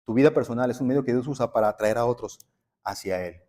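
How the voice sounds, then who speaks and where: A pastor with a mellow, medium-pitched voice preaches quickly in a church sanctuary. He tells stories conversationally and calls his listeners brothers.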